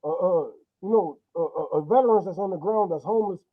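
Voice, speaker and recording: A man's voice: sits high, fast. A man calling into a live stream, talking heatedly and rambling with many fillers, his voice muffled as if he were talking into a cup. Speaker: caller. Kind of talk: casual live-stream call-in. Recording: muffled phone-like computer mic.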